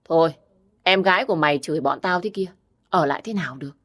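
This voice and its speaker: A woman's voice: sits low, fast, fairly bright tone. Woman doing jeering idle drinking buddies. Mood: mocking. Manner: mocking, jeering.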